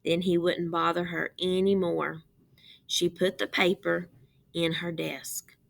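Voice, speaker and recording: A woman with a fairly low voice and noticeable vocal fry reads a picture book to children, deliberate and expressive, pausing to ask them things.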